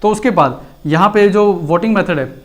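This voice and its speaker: High-voiced male teacher. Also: animated, moderate pace. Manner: chatty, explanatory, mixes Hindi with English terms. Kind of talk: recorded exam-prep lecture.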